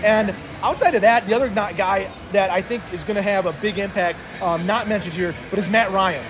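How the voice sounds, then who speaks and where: A man co-hosting a casual sports talk show, speaking haltingly and often repeating words. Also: high-pitched.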